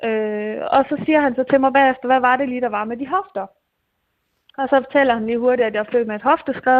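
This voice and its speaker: A woman with a high, bright-toned voice recounts a personal healing experience, pausing often and repeating herself. Her voice comes through thin and narrow, like over a telephone line. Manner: halting, many fillers and repetitions. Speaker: interviewee telling a personal healing story. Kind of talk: emotional personal testimony. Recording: tinny phone-like sound.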